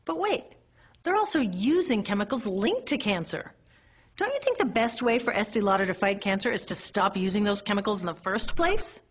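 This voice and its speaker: This narrator and presenter speaks with an American accent in a mid-range, slightly rough voice that is expressive and moderately paced. She walks through a scripted explainer in a wry, conversational manner, frequently asking rhetorical questions.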